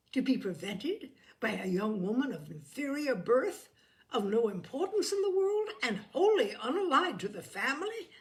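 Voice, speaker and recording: A woman performs an older aristocratic lady from a classic novel audiobook, haughty and easily outraged. She declaims in commanding, emphatic phrases. Her pitch leaps and falls with great animation. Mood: imperious, angry.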